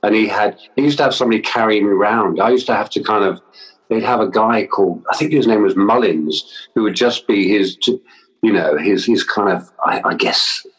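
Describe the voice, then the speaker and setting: A man, a fashion stylist from London, talks about his upbringing as a podcast guest, relaxed, laughing often and stumbling over restarts. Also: fairly low pitch, brisk, soft background music, poor audio. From London, with schooling in Wales. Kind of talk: casual interview chat.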